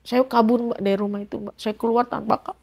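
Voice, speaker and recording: A woman's voice: a little high, steady tone, fast, vocal fry, a little mellow. A middle-aged woman giving an emotional personal testimony in an interview, acting out quoted dialogue as she recounts events.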